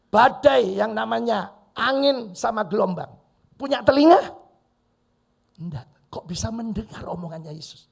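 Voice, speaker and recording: Gravelly high-voiced pastor preaching. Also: male voice. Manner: lively preaching with sudden loud bursts and quoted dialogue. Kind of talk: sermon. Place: church hall.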